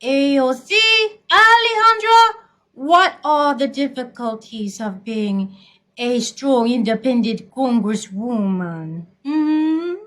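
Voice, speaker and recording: A woman doing a syrupy, high talk-show host. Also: lively intonation, fairly bright tone, exaggerated voice, poor audio. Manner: sweet, drawn-out, calls guests darling and honey.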